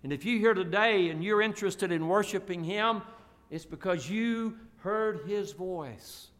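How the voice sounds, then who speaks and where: A man preaching a sermon as pastor, slow emphatic drawn-out phrases and folksy asides. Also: sits high, fairly bright tone. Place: church auditorium. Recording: long reverb of a church hall.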